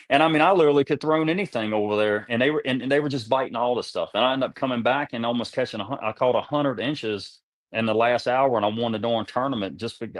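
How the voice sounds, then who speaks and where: A man's voice: medium pitch, dry recording. A man telling rambling fishing stories in a folksy way, repeating words as he goes, in a casual interview. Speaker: guest, tournament kayak angler.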